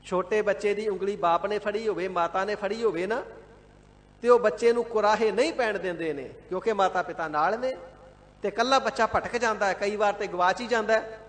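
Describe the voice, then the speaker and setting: High-voiced man expounding scripture in a hall. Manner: devout, measured, repeats and glosses words, sometimes chants verses. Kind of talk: line-by-line scripture exposition sermon. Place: large gurdwara hall.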